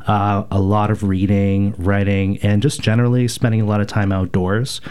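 A man from rural Alberta, Canada speaks on a radio interview while getting over a cold. His voice sits low and smooth, and his answers come slowly and thoughtfully, broken up by many ums and uhs. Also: flat delivery, a little mellow. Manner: thoughtful, hesitant, many fillers. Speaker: radio station board president, guest.

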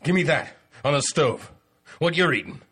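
A man playing a husky, menacing fugitive brute. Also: on the high side, animated, moderate pace, fairly bright tone, heavily acted. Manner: curt, threatening commands. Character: large menacing male fugitive intruder. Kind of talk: radio drama acting.

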